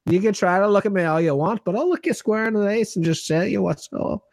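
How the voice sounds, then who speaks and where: A man's voice: high voice, a little fast, a little mellow, no echo. A man putting on a cocky, threatening male Scottish tough guy in a mock Scottish accent.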